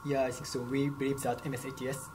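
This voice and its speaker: A man's voice: medium pitch, level tone, quick pace. A young man whose first language is Japanese, answering interview questions in a lab with brief, careful phrasing. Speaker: product specialist. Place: company lab, indoors. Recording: lab background noise.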